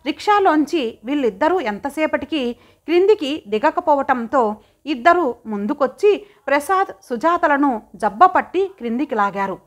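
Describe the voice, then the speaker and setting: A woman reading a magazine story aloud as an audiobook narrator, in a steady, dramatic reading manner. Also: high-pitched, normal speed.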